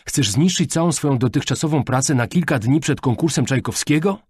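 A man's voice: lowish voice, normal speed, husky, dry recording, clean studio sound. A man voicing a strict, overprotective father who scolds in a raised voice. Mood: angry.

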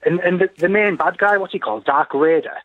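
A man in his twenties, a student calling into a radio discussion, earnest and deadpan as he complains indignantly. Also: sits high, fairly quick, a crowd in the background. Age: 20s. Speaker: student caller. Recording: tinny phone line.

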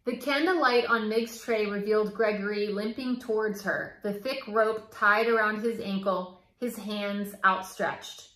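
A woman's voice: medium pitch, fairly even intonation, a little slow, hardly any pauses, a bit bright. Woman reading a storybook aloud in an echoey room. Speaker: reader. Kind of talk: reading a children's novel aloud. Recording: roomy echo.

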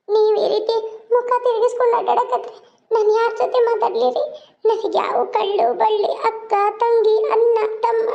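A woman voicing a young orphaned wife in a cartoon, gentle and imploring. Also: very high-pitched, creaky, lo-fi sound. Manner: tearful, imploring.

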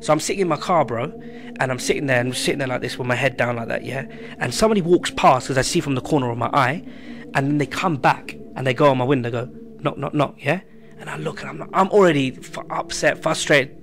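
A man, telling a personal story in casual podcast chat, animated and full of slang. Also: mid-range voice, quick pace, background noise. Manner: animated, slangy, repeats himself. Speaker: podcast guest. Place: small room with a poster wall. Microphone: studio mic on a stand.

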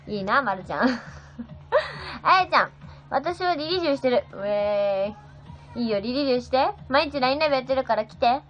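Her voice is high-pitched, animated and a little fast as this seventeen-year-old girl chats casually on a phone livestream. She bubbles along, reading comments and thanking viewers one at a time, over slightly dull audio with faint music.

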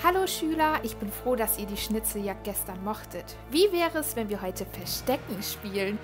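A woman's voice: mid-range voice, animated, moderate pace, pitched below the performer's own voice, close to an everyday voice. A woman voicing a creepy male teacher in a game, speaking in a mock-friendly, sly way. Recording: game music underneath.

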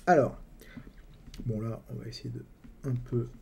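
A man's voice: mid-range voice, little pitch movement, unhurried, vocal fry, warm tone, breathy edge. A man giving a casual live miniature painting tutorial. He jokes, swears freely and talks to his viewers while he paints, often trailing off mid-sentence. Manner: joking, chatty, swears freely.

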